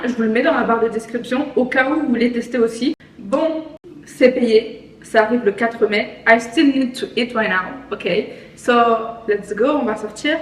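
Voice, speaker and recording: A woman's voice: on the high side, reverberant, far from the mic. Chatty young woman with a slight lisp. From France. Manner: chatty, self-mocking, mixes in English words. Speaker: vlogger. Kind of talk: casual vlog chat.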